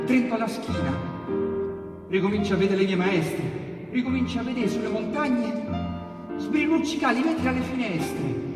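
An actor from Rome recites dialect poetry in a theatrical storytelling style, his voice sitting high. He's dramatic, using pauses and emphatic repetitions. It's captured with a distant mic in an echoey hall, with piano music accompanying him.

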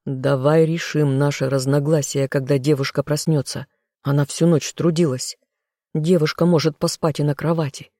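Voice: mid-range voice, little pitch movement, moderate pace, mellow, no echo, clean studio sound, close to an everyday voice. A reader voicing a proud, protective elf nobleman in a fantasy audiobook. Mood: angry.

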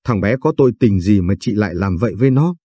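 A scolding elderly mother-in-law from a spoken story, as a man reads her lines. Her voice is husky and dark, and she lays blame with a cutting edge. The recording is dry and close. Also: on the low side, animated, fast talker, dry recording. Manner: scolding, accusing. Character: sharp-tongued elderly village mother-in-law.

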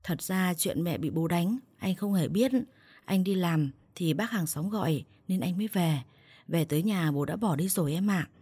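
A woman voicing a timid, gentle husband who soothes and pleads, in a low husky voice. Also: normal speed, dry recording. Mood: defensive.

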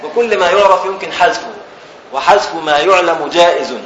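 Egyptian sheikh reading an old text then explaining it, repeats himself, echoey room. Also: male voice, high-pitched, a little fast, dull audio, a crowd in the background. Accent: Egyptian Arabic. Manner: reads the text, then explains it in colloquial speech, repeating key phrases. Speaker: religious teacher. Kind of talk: classical text lesson.

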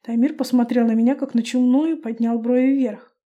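A woman narrating a first-person fantasy audiobook with a lively, expressive reading. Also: fairly high pitch, normal speed, phone-quality sound.

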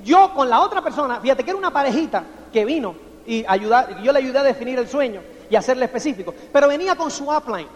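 A man's voice: extremely high pitch, lively intonation, fast. A man giving a motivational seminar talk, constantly checking that listeners follow him. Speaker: motivational speaker. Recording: long hall reverb.

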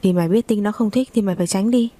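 A woman's voice: rapid-fire, warm tone, dry recording, close to an everyday voice. A woman voicing a fierce, domineering older mother-in-law who scolds harshly in a story reading. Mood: scolding. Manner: scolding, shrill.

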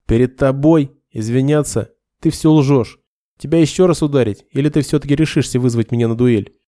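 A man's voice: medium pitch, a little fast, dark tone, no echo, studio quality, lightly acted. A man voicing an arrogant, hot-headed young noble lieutenant who talks with haughty scorn. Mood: furious. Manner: hissing, haughty.

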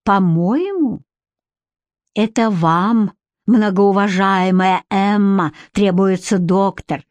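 A woman's voice: medium pitch, expressive, measured pace, a little mellow, no echo. A woman reading as a weary, defiant young woman who speaks with cutting irony. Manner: ironic and cutting, flares into anger.

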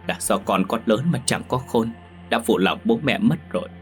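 A man's voice: lowish voice, moderate pace, soft background music, close to an everyday voice. A man voicing a remorseful young man who pleads tearfully.

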